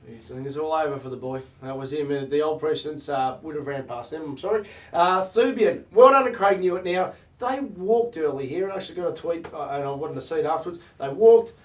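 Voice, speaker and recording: A man's voice: a little high, expressive, brisk, few pauses. A man hosting a casual horse racing chat, analysing races in clipped, punchy, jargon-heavy phrases. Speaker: host of a horse racing talk show. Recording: distant mic.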